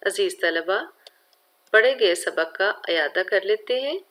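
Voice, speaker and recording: A woman's voice: medium pitch, expressive, takes it slowly, bright, forceful tone. A woman teacher with a Pakistani Urdu accent giving a recorded grammar lesson to schoolchildren, explaining carefully and speaking to her students directly.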